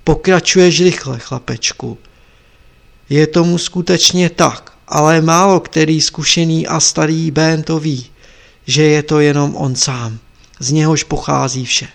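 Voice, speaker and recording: A man's voice: on the high side, steady tone, gravelly. A man voicing an old male sorcerer who teaches his apprentice in a solemn, instructive way in a storybook reading. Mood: surprised.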